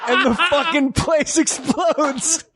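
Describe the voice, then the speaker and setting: A man with a strikingly high voice tells a comic story at an unhurried pace. He laughs as he goes and shouts the big lines. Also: crowd noise. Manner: loud, shouting punchlines, laughing through the story. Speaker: comedian telling a story. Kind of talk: animated podcast storytelling.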